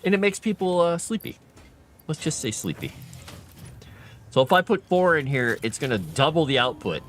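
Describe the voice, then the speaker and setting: A tired man fading late at night rambles through a game stream, thinking aloud and chatting with viewers in casual gameplay commentary. His voice is on the high side and fairly bright, very animated, at a normal speed.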